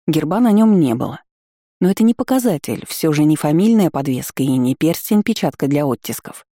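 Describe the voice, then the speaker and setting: Expressive first-person audiobook reader, warm tone, close dry booth sound. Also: mid-range voice, fairly quick, no room sound. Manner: lively, expressive storytelling. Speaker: audiobook narrator.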